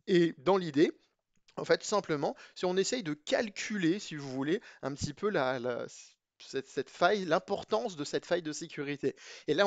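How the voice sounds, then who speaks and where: A man's voice: on the high side, no room sound. A young man giving a casual, conversational tech explanation, full of fillers and restarts. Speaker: cybersecurity explainer.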